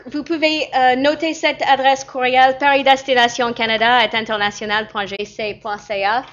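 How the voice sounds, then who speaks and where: A woman giving an informational presentation for an embassy, halting, with frequent fillers and repeated words. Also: on the high side, fairly bright tone, highs cut off.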